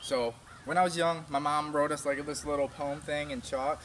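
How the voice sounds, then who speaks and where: A man's voice: fairly high pitch, fairly even intonation, normal speed, fairly bright tone, a little hiss or hum. A man hosting a casual challenge video, teasing his friend and coaching him with hints. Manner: teasing, coaxing, gives hints. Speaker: video host running a challenge. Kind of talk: casual chat.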